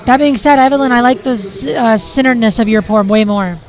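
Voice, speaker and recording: A man giving live color commentary, offering quick, coaching critique of each entry. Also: very high voice. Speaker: color commentator and judge-style analyst.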